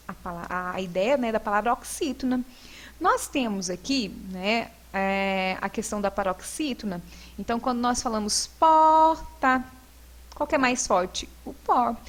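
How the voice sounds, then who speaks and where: A Brazilian woman teaching a recorded lesson, walking through each exercise patiently and step by step. Her voice sits a little high for a woman, and she often checks in with a quick "né". The delivery is calm and explanatory. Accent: Brazilian Portuguese. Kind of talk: recorded lesson correcting homework.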